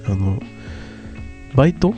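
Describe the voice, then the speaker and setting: A man's voice: mid-range voice, sing-song, takes it slowly, dull audio. A man chatting casually and telling an anecdote, acting out bits of remembered dialogue in casual slang. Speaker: radio talk show co-host. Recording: guitar music in the background. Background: guitar music.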